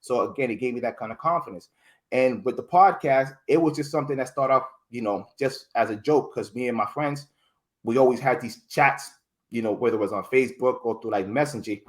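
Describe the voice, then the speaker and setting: Appearing as a podcast guest in a relaxed interview, this man has a mid-pitched voice and a slightly quick pace. His stories wander, packed with fillers and restarts, delivered animatedly as he impersonates others' quoted lines.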